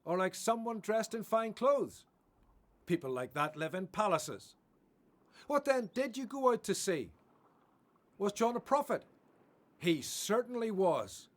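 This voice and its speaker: An actor playing Jesus as a gentle, assured teacher in a radio Bible drama, speaking in a kindly, earnest way. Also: male voice, sits high, big pitch swings, unhurried, pauses often. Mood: raised, proclaiming.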